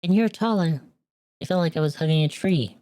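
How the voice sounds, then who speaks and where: A man voicing a playful, teasing young woman in a high falsetto while reading game dialogue aloud. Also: brisk, darkish tone, smooth, dry recording, clean studio sound, close to an everyday voice.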